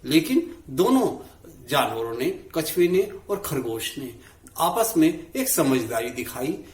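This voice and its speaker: An older man telling jokes and short stories in a slow, animated storytelling manner. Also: on the high side, roomy sound.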